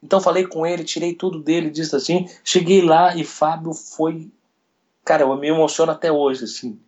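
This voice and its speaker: In an interview, a radio sports journalist hurries through his story, his slightly high voice swinging widely as he acts out what people said. The retelling is fast and lively, full of quoted dialogue, though the recording sounds dull and lo-fi.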